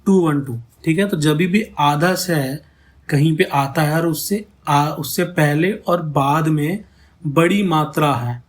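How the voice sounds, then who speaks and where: A man teaching a lesson on counting syllables in ghazal poetry, explaining step by step and saying words over slowly to show how they sound. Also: a little high. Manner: checks in often with "theek hai" and "hai na".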